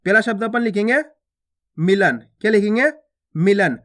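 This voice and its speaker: A man teaching children to read Hindi, sounding out each syllable slowly and asking the learner questions. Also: high-pitched, a bit bright. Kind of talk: spelling lesson, sounding out syllables.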